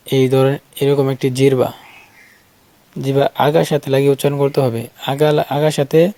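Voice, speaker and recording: A man teaching Quran recitation who explains where the tongue touches the teeth and repeats each syllable slowly and patiently for the viewer to copy. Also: medium pitch, dark tone. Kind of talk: slow drilled pronunciation lesson.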